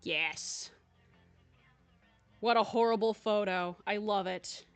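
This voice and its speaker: A woman's voice: mid-range voice, slow pace, faint music behind. A young woman hosting a livestream, chatting casually and playfully with her viewers and laughing often. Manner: playful, giggly, chatting to viewers while eating. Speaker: livestream host.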